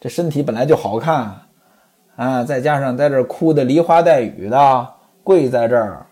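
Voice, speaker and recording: A woman telling a traditional story aloud, lively and speaking directly to her listeners. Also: rumbling low, moderate pace, husky.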